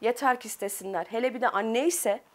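A woman in her forties from Turkey speaks in a news interview about rebuilding her business. Her voice sits fairly high, and she talks earnestly and reflectively, often pausing to gather her thoughts. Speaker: business owner.

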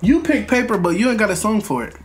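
A young American man with a fairly high, very animated voice, bantering casually. He teases competitively and takes his time over his words, with light music behind him. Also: fast talker. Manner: teasing, competitive. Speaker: mukbang host. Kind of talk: casual playful banter, singing snatches.

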